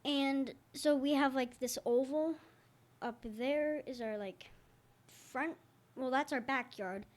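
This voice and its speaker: A woman's voice: high-pitched, takes it slowly. A teenage daughter chatting casually as co-host, giggly and easily losing her train of thought. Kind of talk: casual chat.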